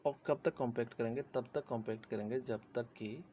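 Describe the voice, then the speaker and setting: A man's voice: mid-range voice, steady tone, a little fast, mellow, slight background noise. A man with a sore throat giving a chatty civil engineering lecture, often checking in with his listeners. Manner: chatty, repeats "theek hai" often. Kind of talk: casual Hindi classroom lecture.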